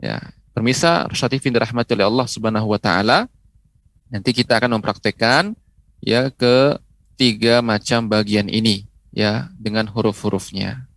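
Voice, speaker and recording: A man's voice: fairly low pitch, vocal fry, fairly bright tone, no echo. A man teaching Quran letter pronunciation on a TV lesson, patiently repeating syllables and tagging his phrases with "ya". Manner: patient, repeats syllables slowly with frequent "ya" tags. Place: TV studio.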